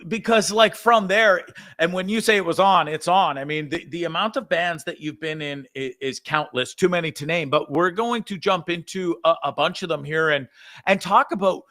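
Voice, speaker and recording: A man's voice: on the high side, normal speed, pushed and bright. A man in his fifties hosting an interview over a video call, asking long, eager, rambling questions. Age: 50s. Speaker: host. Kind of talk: casual interview chat. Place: home room, video call. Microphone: video call mic.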